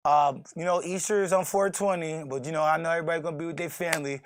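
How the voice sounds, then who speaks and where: A man co-hosting a casual podcast, talking in a voice pitched a bit high for a man. He jokes around, swears freely and now and then breaks into shouting. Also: fairly even intonation, fast. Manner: loud, joking, profane, swings to shouting. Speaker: podcast co-host.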